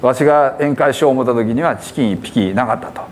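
A man's voice: mid-range voice, fast. A man preaching a sermon with a Hiroshima accent, retelling a parable and acting out the characters' lines. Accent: Hiroshima dialect.

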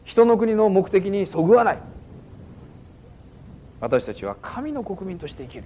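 A man's voice: high-pitched, big pitch swings, moderate pace, dark tone, highs cut off, slight background noise. A man giving a sermon as a pastor, conversational and dotted with fillers, in a church hall. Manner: conversational preaching with frequent "ano" fillers.

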